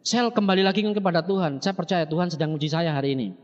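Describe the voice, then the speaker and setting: A high-voiced man speaks quickly and energetically to a crowd in a big echoing hall, addressing his listeners again and again and mixing jokes into his stories. The sound is a dull, lo-fi tape recording with a long reverb tail from the room. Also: a little mellow. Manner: addresses the audience constantly, jokes and tells stories. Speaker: motivational speaker at a business seminar. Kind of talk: energetic seminar speech.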